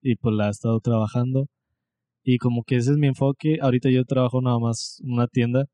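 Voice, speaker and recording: A man's voice: mid-range voice, fast, no echo, clean studio sound. A young man from Monterrey, chatting casually and a bit ramblingly as a podcast co-host. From Mexico (Monterrey). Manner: relaxed, rambling, self-deprecating. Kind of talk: casual chat.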